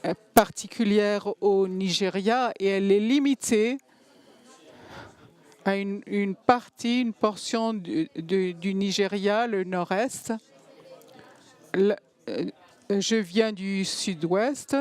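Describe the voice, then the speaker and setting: A woman giving a simultaneous interpretation of a panel talk, halting and pausing to find words. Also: medium pitch, darkish tone.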